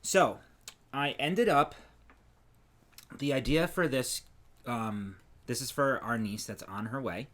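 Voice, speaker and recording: A man's voice: mid-range voice, slow pace, long pauses. A man co-hosting a casual crafting podcast, talking loosely and restarting often as he shows his blanket. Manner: relaxed, trails off and restarts while showing work. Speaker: podcast co-host. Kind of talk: casual chat about crochet.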